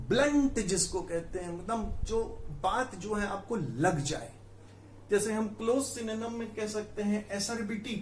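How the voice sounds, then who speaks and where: High-voiced teacher in echoey room. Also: male voice, a little hiss or hum. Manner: explains patiently, repeats key words, mixes English terms into Hindi. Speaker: vocabulary teacher. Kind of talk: Hindi vocabulary lesson with memory tricks.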